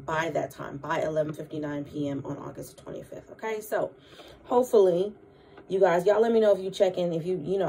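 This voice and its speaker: A woman's voice: on the low side, darkish tone, slight background noise. A woman, vlogging in a chatty way and reading news articles aloud with her own asides, often checking in with listeners. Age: 30s. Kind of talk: casual news commentary vlog.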